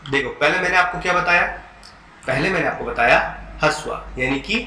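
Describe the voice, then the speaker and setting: A man with a high, pushed, bright voice gives a Hindi grammar lesson aimed at exam preparation. Patient and slow, he repeats important terms, pronounces vowels aloud for the class and checks understanding with "ठीक है". Echo fills the room, along with a little background noise.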